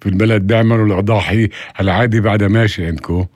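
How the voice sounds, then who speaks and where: A man's voice: fairly low pitch, fairly even intonation, racing, darkish tone, no room sound. A male radio host asking a phone guest casual, prodding questions in a studio interview.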